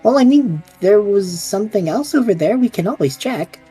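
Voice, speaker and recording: A woman with a mid-range, slightly breathy voice plays an eager, scatterbrained young male adventurer in a fan audio drama, joking his way through danger. At a moderate pace she sounds excited, excitable, and reckless, with faint music behind her.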